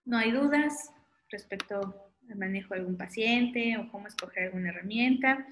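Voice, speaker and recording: A woman giving a webinar on low vision, talking in a friendly, informal way with many "este" fillers. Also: moderate pace, fairly bright tone. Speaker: optometrist giving a webinar talk. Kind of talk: webinar lecture with audience questions.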